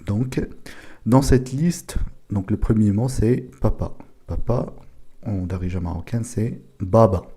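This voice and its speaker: Slow, low-voiced man teaching words. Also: dark tone. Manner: slow, repeats each word several times. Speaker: language teacher. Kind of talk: casual spoken lesson.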